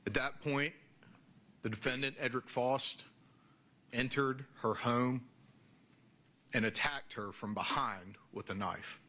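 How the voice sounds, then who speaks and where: A man speaking as a prosecutor in a courtroom, giving a formal, deliberate closing argument in short narrative phrases. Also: medium pitch, fairly even intonation, sharp tone.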